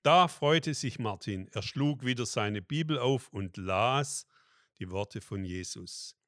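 Slow, calm German-speaking male reader. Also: medium pitch, no echo, studio quality. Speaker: story reader and prayer leader.

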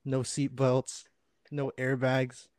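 A man's voice: medium pitch, monotone, slow, darkish tone, no echo. A young man hosting a casual podcast, rambling and exasperated, often stumbling and restarting his sentences. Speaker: podcast host.

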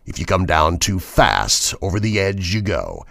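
A man voicing a menacing male trucker who speaks over the CB in a slow, low, ominous drawl. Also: big pitch swings, creaky, fairly bright tone, no echo, studio quality, heavily acted.

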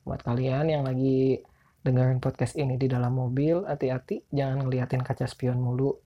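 A man's voice: medium pitch, little pitch movement, moderate pace, dull audio. A man with a Jakarta Indonesian accent and a speech impediment on his r's, hosting a casual solo podcast in an informal, rambling, self-deprecating way. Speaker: podcast host.

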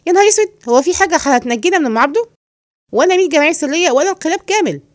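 A woman with an Egyptian accent voicing a jittery young male servant who pleads in a high, quick voice. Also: lively intonation, no echo, studio quality. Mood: pleading. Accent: Egyptian Arabic.

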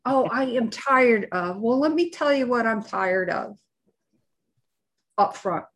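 Slow, deliberate woman podcast co-host. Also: fairly high pitch, animated. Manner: halting, deliberate, searching for words. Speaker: live show and podcast co-host. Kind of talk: unscripted opinion talk.

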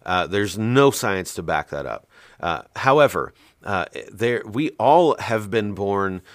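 A man's voice: lowish voice, animated, slow, no room sound. A man hosting a Bible teaching show, speaking bluntly and with emphasis, reading scripture aloud with frequent fillers and restarts.

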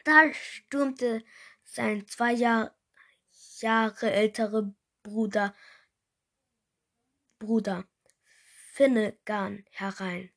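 A woman reads a children's book aloud at an unhurried pace. Her voice sits a little high, and the reading is unpolished, with small stumbles over words. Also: steady tone, a bit bright. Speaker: reader.

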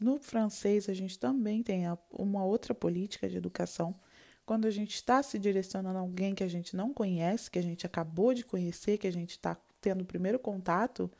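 A woman's voice: medium pitch, vocal fry, warm tone. A Brazilian woman with a Brazilian Portuguese accent, teaching a French lesson, explaining patiently, recapping and modeling short dialogue lines. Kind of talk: online language lesson.

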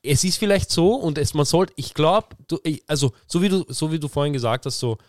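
A man's voice: a little high, a little fast, no echo, clean studio sound. A young man chatting casually on a podcast, telling stories in slangy speech and acting out what friends said. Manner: animated storytelling, slangy, acts out quoted friends. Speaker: podcast co-host. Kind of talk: casual chat.

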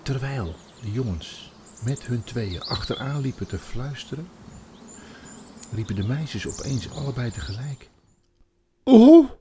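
A man reading a children's storybook aloud, telling the story in an expressive, dramatic way. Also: medium pitch, a little slow, slight background noise. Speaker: audiobook narrator.

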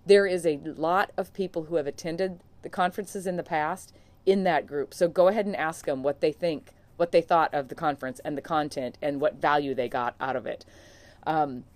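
A woman's voice: sits low, normal speed, darkish tone. A woman hosting her own podcast as a coach, talking straight to listeners in an earnest, encouraging, conversational way. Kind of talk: solo podcast monologue.

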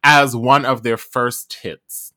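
A man co-hosting a podcast, chatting casually and reading an article aloud, animated and full of ums. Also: medium pitch, slow. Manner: animated, trails off with many ums. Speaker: podcast co-host.

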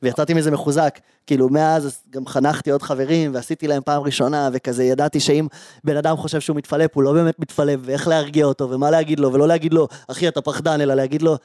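Animated man telling a story. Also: fairly high pitch, no echo, clean studio sound. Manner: animated, acts out quoted dialogue. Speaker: podcast host. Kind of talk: casual storytelling chat.

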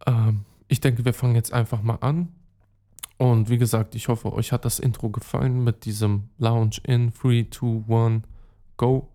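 A man's voice: medium pitch, little pitch movement, unhurried, warm tone. A young man hosting a casual solo podcast, rambling with lots of fillers and street slang, talking straight to his listeners. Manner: chatty, rambling, many fillers and restarts. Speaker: podcast host.

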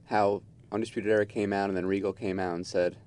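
A man's voice: lowish voice, little pitch movement, quick pace, darkish tone. A man chatting casually about sports as a podcast panelist.

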